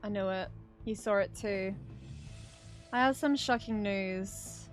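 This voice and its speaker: A woman's voice: medium pitch, takes it slowly, faint music behind, lightly acted. A woman reading aloud the lines of a playful, earnest young male hacker from a visual novel, in a matter-of-fact way. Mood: serious.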